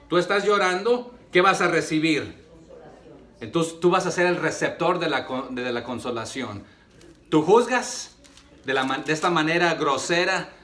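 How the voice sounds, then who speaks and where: Un hombre que predica un sermón en español latinoamericano y le hace preguntas a la congregación. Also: male voice, on the high side, pushed and bright. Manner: rhetorical questions to the congregation, many fillers. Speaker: preacher. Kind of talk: sermon.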